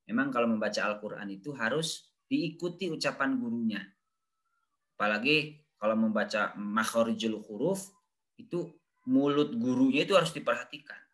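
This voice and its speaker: A man teaching young pupils to recite a short Quran chapter, saying each word slowly, correcting wrong pronunciations and chanting the verses drawn out. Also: mid-range voice, fairly bright tone. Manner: slow, patient, models each word and corrects mispronunciations. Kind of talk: online lesson for primary school pupils.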